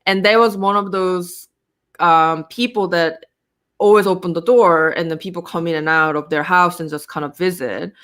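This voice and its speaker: A woman in her thirties with a Korean accent tells stories in a relaxed, meandering way, pausing often to think. Her voice sits a little low, and she talks about her life at an easy pace. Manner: frequent fillers and restarts, relaxed storytelling. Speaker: guest. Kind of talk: casual interview chat.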